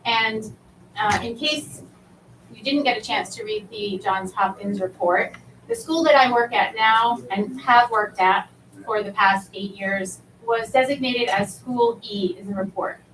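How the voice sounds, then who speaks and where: A woman teacher addresses a board in a measured, earnest way, with an occasional filler. She sounds set back from the microphone in a large, echoing room with faint background noise. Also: fairly high pitch, lively intonation, a bit bright, recorded from a distance. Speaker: elementary school teacher giving public comment. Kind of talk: public comment at a board meeting. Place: public meeting room. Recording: roomy hall, speaker away from mic.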